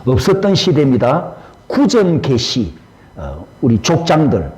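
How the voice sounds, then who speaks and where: High-voiced male pastor preaching. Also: darkish tone, low-quality recording. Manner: rhetorical questions, leads congregation reading aloud. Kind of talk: sermon.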